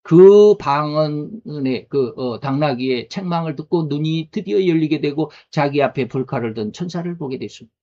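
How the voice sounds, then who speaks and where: A man's voice: on the high side, moderate pace, dark tone. A male pastor preaching a sermon in a conversational way, asking rhetorical questions. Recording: dull lo-fi recording.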